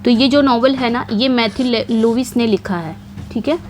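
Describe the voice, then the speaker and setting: Woman teacher, exam-prep lecture, fairly high voice, repeats key points, reads questions slowly. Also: darkish tone, slight background noise. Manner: poses questions then answers them herself; repeats key points with frequent check-ins. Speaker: English literature teacher.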